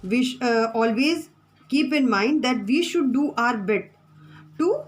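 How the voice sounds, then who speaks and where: A woman's voice: a little high, animated, a little slow, soft background music, poor audio. A woman teacher, giving a classroom lesson from the textbook, repeating her points and spelling out words.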